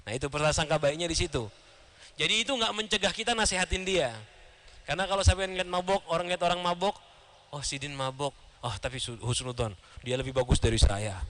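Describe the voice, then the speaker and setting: Male preacher, fairly high voice, animated storyteller giving a mosque sermon. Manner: lively storytelling, acts out dialogue, chuckles. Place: large mosque.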